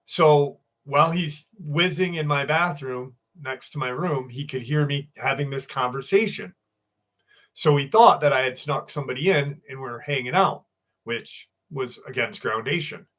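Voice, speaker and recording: A man runs a live stream, chatting casually and telling stories in a loose, profane style while greeting viewers by name. His voice sits at medium pitch, a bit bright, at a moderate pace.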